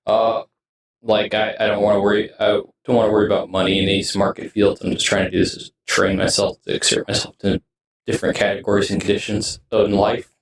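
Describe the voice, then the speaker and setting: An American video game streamer rambles in casual vlog fashion from his indoor streaming room, his low voice showing little pitch movement. He speaks haltingly and often trails off mid-sentence. The distant mic picks up a roomy echo, with music playing behind him.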